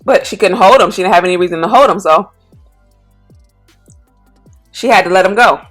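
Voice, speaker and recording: A woman hosting a mukbang, casually retelling a story in a relaxed, slangy way with lots of fillers. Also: medium pitch, moderate pace, faint music behind. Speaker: mukbang channel host. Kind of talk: casual storytime while eating.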